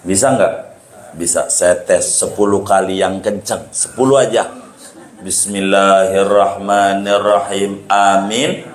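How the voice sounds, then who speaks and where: A man delivers a playful sermon to a congregation, teasing listeners and acting out mocking quotes. His voice sits a little low and he speaks slowly. The sound carries the echo of a large hall. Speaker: Islamic preacher.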